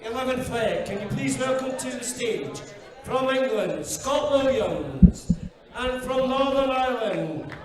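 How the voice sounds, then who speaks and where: Darts score caller, male, high projected voice, formal announcing, very echoey and distant venue sound. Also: lively intonation, unhurried, noisy background.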